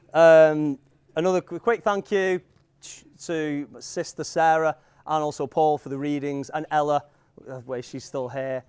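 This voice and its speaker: A man's voice: a little high, steady tone, a little slow, a little mellow, clean tone, no echo. A young man with a Manx accent giving an informal wedding speech as the groom, in a joking, rambling, hesitant manner. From Isle of Man. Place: wedding venue. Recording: live event room with guests audible. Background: wedding crowd.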